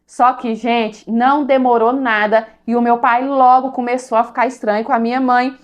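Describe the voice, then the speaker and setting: Confiding woman storyteller, slightly high voice. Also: little pitch movement, normal speed, smooth, highs cut off. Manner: confiding, conversational, tags with "sabe?". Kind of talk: first-person story narration.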